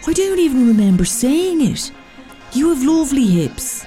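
A woman's voice: sits high, big pitch swings, normal speed, warm tone, soft background music, pitched above the performer's own voice. A woman voicing a pleading, apologetic teenage boy at a school disco, barely changing her own voice.

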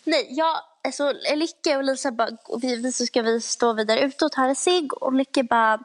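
Chatty young Swedish-speaking woman, loud. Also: sits high. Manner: chatty, acts out voices in quotes; talks loudly by habit. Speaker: podcast co-host. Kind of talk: casual chat.

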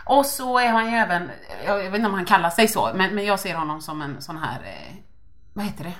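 A woman co-hosting a podcast in casual chat, telling stories animatedly and acting out quotes. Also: mid-range voice. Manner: animated storytelling, acts out quotes. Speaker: podcast co-host.

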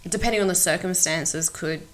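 Lower-voiced young woman rambling casually. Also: normal speed. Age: young adult. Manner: rambling, many fillers like "like" and "look". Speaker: podcast co-host. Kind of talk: casual chat.

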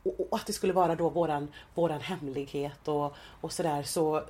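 Halting soft-spoken woman in her thirties. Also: sits low, fairly even intonation, slight background noise. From Sweden. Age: 30s. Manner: hesitant, halting, many restarts. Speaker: guest. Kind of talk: personal interview.

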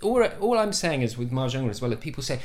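A man's voice: medium pitch, big pitch swings, fast talker, a little mellow. A man in his late forties hosting a podcast interview, chatting eagerly and agreeing often. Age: 40s. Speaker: podcast host. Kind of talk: casual interview chat.

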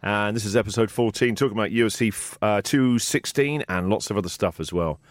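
A man's voice: fairly low pitch, brisk, no echo. Male podcast host, cheeky braggart banter, dry studio voice. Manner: teasing, mock-boastful.

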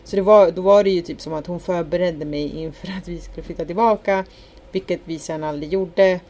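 A woman from Sweden, co-hosting a podcast in casual chat, telling stories with acted-out dialogue. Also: lowish voice. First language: Spanish. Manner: animated storytelling, acts out quoted dialogue. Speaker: podcast co-host. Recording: faint background noise.

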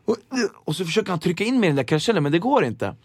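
A man's voice: high voice, slightly rough, dry recording. A young man telling stories in a casual podcast chat, acting out the voices of people in his stories. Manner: animated storyteller acting out quotes. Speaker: podcast guest.

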